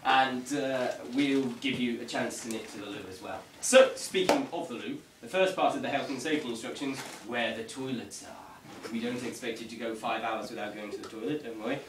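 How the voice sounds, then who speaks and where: A ghost tour guide leading a vigil gives a group an informal briefing with a wry, dry humor and a slightly mock-formal air. His medium-pitched voice is fairly even and fairly quick, with hardly any pauses. He was recorded indoors in an echoey room on a distant camera mic, with faint noise.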